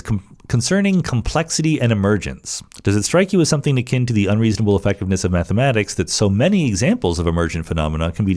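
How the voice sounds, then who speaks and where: A middle-aged podcaster with a lowish, slightly mellow voice answers questions from listeners by himself, thinking aloud in a conversational way and frequently using fillers and starting over.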